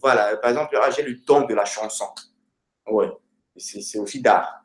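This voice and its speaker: A man teaching Romanian grammar to a student, slow and hesitant, with many fillers. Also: lowish voice, roomy sound.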